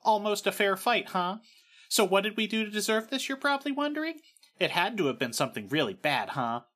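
A woman's voice: medium pitch, big pitch swings, fairly quick, fairly bright tone, pitched above the performer's own voice. A woman reading aloud as a swaggering British rock frontman in a put-on British accent, profane and indignant. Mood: ranting.

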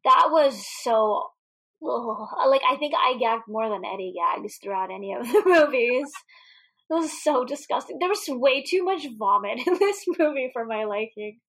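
Woman, podcast co-host, fairly high voice, animated, laughs a lot, casual swearing. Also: normal speed. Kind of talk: casual movie discussion.

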